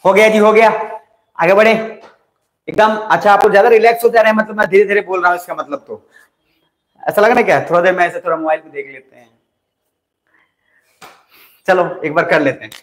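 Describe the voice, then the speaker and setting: A young male teacher with a high, bright voice gives a coaching lecture. He is talkative, slows down to dictate notes, and keeps checking that the class follows. The sound is roomy and echoes off the classroom walls. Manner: talkative, dictates notes slowly, asks students if they follow. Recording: roomy echo.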